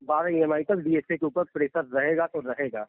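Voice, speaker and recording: A man's voice: a little high, brisk, a little hiss or hum. A bank loan officer on a phone call, insistently talking over the other man and telling him to listen. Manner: insistent, repeats 'listen to me'. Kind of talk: heated phone argument. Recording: dry, tinny phone line recording.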